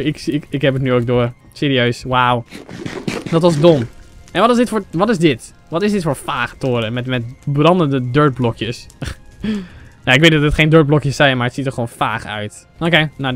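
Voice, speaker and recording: A young man from the Netherlands doing Minecraft let's play commentary, excitable, exclaiming in English and chatting to his viewers. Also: a little high. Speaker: gaming channel host. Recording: faint game music behind.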